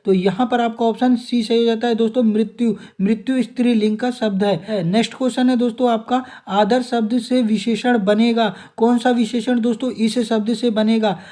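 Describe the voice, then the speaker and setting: A man's voice: very high-pitched, mellow. A young man teaching an exam revision lesson, reading out quiz questions and options and then giving each answer, often addressing listeners as friends.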